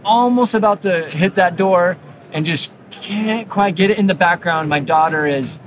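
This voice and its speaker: A man's voice: sits high, moderate pace. A man, an orthodontist, talking casually in an interview and telling stories with acted-out quotes, recorded on an exhibit hall floor. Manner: animated storyteller, acts out quotes. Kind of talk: conversational interview. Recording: noisy trade show hall.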